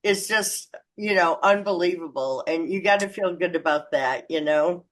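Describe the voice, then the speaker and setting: An American woman hosts an interview in a casual, chatty way, her voice sitting on the low side at a moderate pace. She's effusive, and her talk is full of fillers and laughter.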